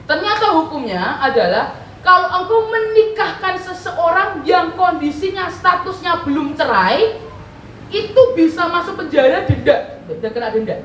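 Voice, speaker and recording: A high-voiced woman preaches with animated storytelling, throwing questions to the congregation and answering them herself. The sound is roomy and echoey, with the mic some distance away and a faint hiss underneath. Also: measured pace. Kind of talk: sermon.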